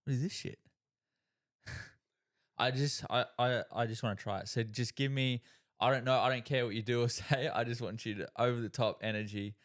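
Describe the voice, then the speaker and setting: A man's voice: medium pitch, fairly even intonation, normal speed, fairly bright tone. A man co-hosting a podcast in casual chat, laid-back and laughing easily, swearing often. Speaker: podcast co-host.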